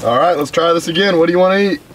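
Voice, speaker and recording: A man's voice: a little high, racing, fairly bright tone, natural voice. A young man playing an impatient, rude drive-thru worker, taking orders in a curt, exasperated way. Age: young adult. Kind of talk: prank headset act. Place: inside a parked car at night. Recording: noisy car interior.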